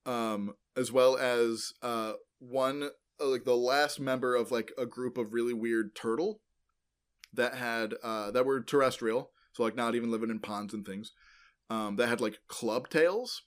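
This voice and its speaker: A man co-hosting a podcast, explaining things in a loose, informal way and filling pauses with many ums, uhs and likes. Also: medium pitch, fairly even intonation. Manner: rambling, many ums and uhs, self-correcting; loose and informal, uses "like" often. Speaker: podcast co-host explaining paleontology. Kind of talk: casual educational podcast chat.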